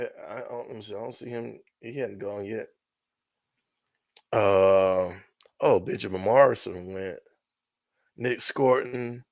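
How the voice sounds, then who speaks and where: A middle-aged man hosting a casual live sports stream, excitable and repetitive, often trailing off mid-sentence. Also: fairly low pitch, creaky, dry recording, clean studio sound. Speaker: sports show host.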